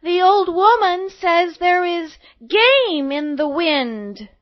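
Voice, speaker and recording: A woman voicing a sweet, innocent little fairy-tale girl, with sing-song, drawn-out phrases. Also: extremely high pitch, animated, dry recording, highs cut off, voice pushed up, full character voice. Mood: polite, cheerful.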